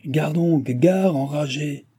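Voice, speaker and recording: A man voicing a blunt, impatient coachman in an audiobook, with a brusque, shouting manner. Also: medium pitch, animated, moderate pace, breathy edge. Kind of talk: audiobook character voice.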